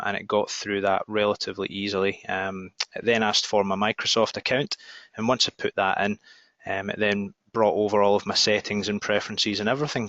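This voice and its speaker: A Scottish man with a broad Glasgow accent presents an informal screen demo in a flat, forceful voice. His delivery is hesitant and peppered with ums. The recording is dull and a little lo-fi. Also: on the low side, no room sound. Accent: Glaswegian Scottish.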